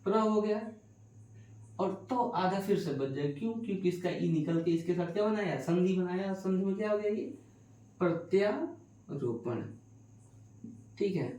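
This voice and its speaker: Hindi teacher quizzing himself, echoey room. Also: male voice, high-pitched, dark tone. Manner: asks questions and answers them himself, repeats key words slowly. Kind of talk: exam-prep grammar lesson. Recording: echoey room, distant mic.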